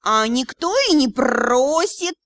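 A woman's voice: sits high, expressive, slow pace, a bit bright, no room sound, exaggerated voice. A woman voicing a sly, flirtatious male talking cat in an audiobook, with a drawling, purring manner. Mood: teasing.

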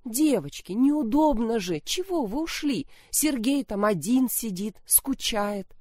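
A woman's voice: a little high, lively intonation, measured pace, a little mellow, dry recording, clean studio sound, voice pushed up. A woman voicing a fussy, anxious older mother in a narrated story. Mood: flustered. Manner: fussy, flustered. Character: fussing anxious older mother, doting on one daughter.

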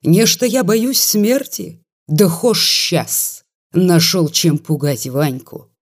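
A reader voicing a bitter, defiant crippled young peasant man with rough, scornful rustic speech, in an audiobook reading. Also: mid-range voice, sing-song, takes it slowly.

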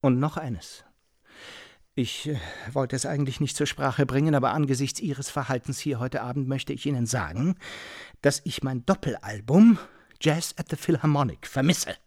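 A man's voice: medium pitch, normal speed, darkish tone, no room sound, clean studio sound, close to an everyday voice. An actor playing a pompous, aggrieved man who lectures and accuses in a radio drama. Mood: accusing. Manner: insistent, lecturing, pedantic. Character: pompous aggrieved middle-aged man, hectoring. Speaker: Edgar Morgan, aggrieved host.

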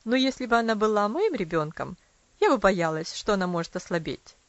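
A woman reading an audiobook, voicing a cool, offhand lady visitor who speaks a little louder than the narration. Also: medium pitch, animated, brisk, dry recording, natural voice. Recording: dry, slightly dull recording.

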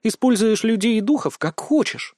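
Man doing a teasing young lady, higher pitched, dry close sound. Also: lively intonation, moderate pace, darkish tone, dry recording.

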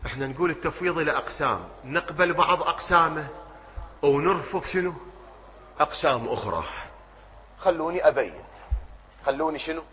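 A man with an Iraqi Arabic accent giving a religious lecture. He keeps asking rhetorical questions, answers them himself and builds up to emphatic shouts. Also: on the high side, lively intonation, a little fast, pauses often, slight background noise, rough recording. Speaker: preacher.

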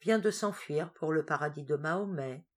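A woman narrating an audiobook in a lively, expressive reading. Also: sits low, moderate pace. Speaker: audiobook reader.

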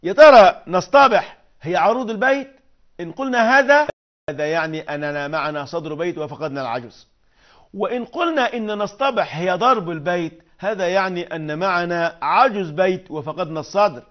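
A man teaching poetic meter, explaining patiently and chanting verses and meter syllables slowly. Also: sits high, lo-fi sound. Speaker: Arabic prosody teacher.

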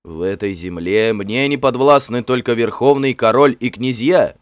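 A man voicing a proud, warm-hearted warrior chief who speaks in forceful, ringing declarations in a storybook reading. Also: medium pitch, moderate pace, dry recording, voice pushed up, lightly acted. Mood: joyful.

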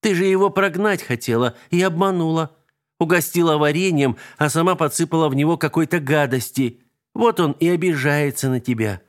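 A man voicing an excited, chattering little girl in a storybook reading. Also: a little fast, natural voice. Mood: earnest. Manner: breathless, bubbly, high squeals.

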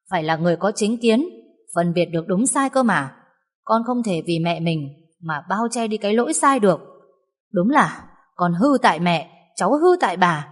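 A woman's voice: medium pitch, lightly acted. A woman voicing a stern, self-righteous young husband in a reverberant recording. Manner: lecturing sternly. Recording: long reverb.

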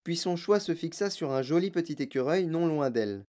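A woman narrating a children's novel in an expressive storytelling way. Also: low-pitched, a little fast. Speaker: reader.

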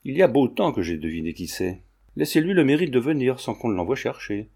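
A man's voice: medium pitch, big pitch swings, brisk, dark tone, husky. A man voicing a shrewd, forthright elderly lawyer who speaks bluntly, in a storybook reading. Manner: blunt, exclaiming.

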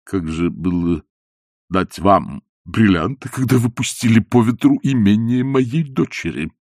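Dying old woman in a storybook reading, voiced by the male narrator; slow, wooden, stubborn, low and quiet. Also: lively intonation, no echo, studio quality. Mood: cold, deliberate.

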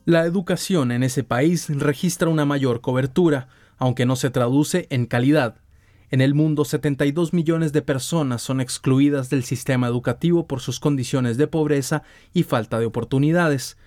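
A man anchoring a news program, introducing a report in a measured formal way. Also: mid-range voice, a little mellow, dry recording, clean studio sound.

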